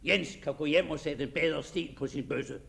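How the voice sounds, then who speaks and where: A man voicing a gruff, commanding older country squire who bellows orders, in a dramatic reading. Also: on the high side, a bit bright. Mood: hearty.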